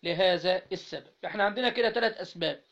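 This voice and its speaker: A man with an Egyptian Arabic accent teaching Arabic grammar to a class, asking students questions again and again and spelling out syllables slowly. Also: high-pitched, fairly bright tone. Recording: dull lo-fi recording.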